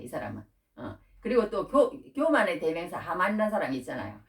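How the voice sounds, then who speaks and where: A woman preaching a Bible-teaching sermon, animated and full of rhetorical questions, acting out quoted prayers. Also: mid-range voice, recorded from a distance. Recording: echoey room, voice from off-mic.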